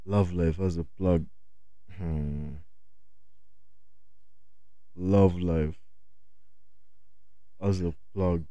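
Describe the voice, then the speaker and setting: A man's voice: deep voice, steady tone, extremely slow, long pauses, mellow, no room sound, lo-fi sound. A young man chatting casually as a guest, laid-back and hesitant, using street slang. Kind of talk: casual chat.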